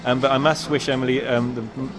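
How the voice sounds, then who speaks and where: Talking quickly in a mid-range voice with little pitch movement, a man who runs a bookshop gives a casual interview. He comes across polite and somewhat hesitant, using fillers, and the recording captures the noisy public space of a busy shopping centre store.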